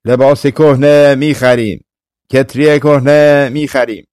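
A man's voice: mid-range voice, fairly even intonation, a little mellow, clean tone, dry recording, pitched above the performer's own voice, natural voice. Junk dealer, a cheerful hawker, read by a male narrator, storybook, dry mic. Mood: hawking. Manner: calling out like a street vendor. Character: street junk dealer man, cheerful and thrifty.

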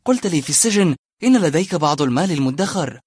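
A man's voice: on the high side, animated, quick pace, a little mellow, husky, no echo, clean studio sound. A man voicing a desperate man who urgently presses to be let in and asks for help in a dramatized audiobook. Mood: insistent.

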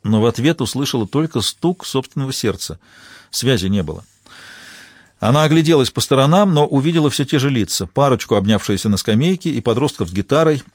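A man narrating a crime novel as an audiobook in an even, measured way. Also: mid-range voice, slightly rough, dry recording, studio quality. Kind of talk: scripted narration.

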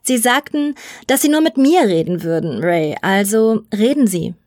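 A woman voicing a steely young female fighter pilot who speaks in a crisp, clipped, commanding way. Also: medium pitch, lively intonation, normal speed, darkish tone, no room sound, clean studio sound, lightly acted. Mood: defiant.

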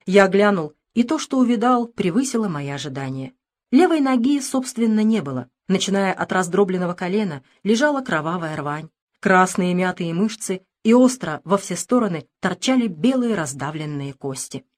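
A woman narrating a literary audiobook with expressive, tense storytelling. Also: on the low side, moderate pace. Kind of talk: dramatic literary reading.

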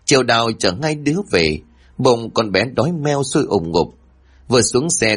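A man narrating a dramatic family story in an expressive reading. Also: mid-range voice, husky.

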